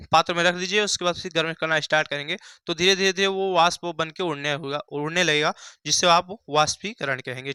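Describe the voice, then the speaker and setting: A man's voice: on the high side, bright, forceful tone, clear, resonant tone, no echo. A young man teaching a Hindi science lesson at a board, who asks the class questions and answers them himself, repeating key phrases. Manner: repeats key phrases, calls students "bhaiya" and "mere bhai".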